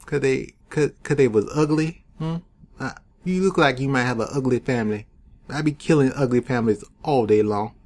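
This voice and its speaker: A man's voice: mid-range voice, normal speed, darkish tone, voice pushed up, natural voice. A man voicing a boastful male villain leader who mocks his victim and brags offhandedly about killing families. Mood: taunting. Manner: taunting, mocking, offhand about murder.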